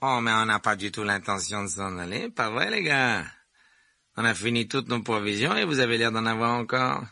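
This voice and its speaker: A man's voice: lowish voice, expressive, normal speed, creaky, pushed and bright, dry recording, studio quality, full character voice. A man voicing an arrogant, contemptuous rich boy who drawls his insults. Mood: menacing.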